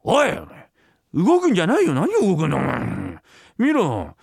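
A man's voice: a little high, huge pitch swings, normal speed, creaky, a little mellow, breathy edge, no echo, clean studio sound, exaggerated voice. A man playing a spoiled, bossy young master in a comic storytelling routine, talking in a lazy, teasing, commanding way. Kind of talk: rakugo storytelling.

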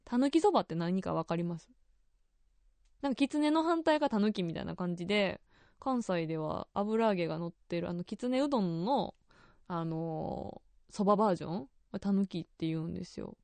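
A woman's voice: fairly low pitch, lively intonation, brisk, gravelly, a little mellow, no echo. A young woman with a Kansai accent hosting a radio show, chatty and laughing often. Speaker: radio host.

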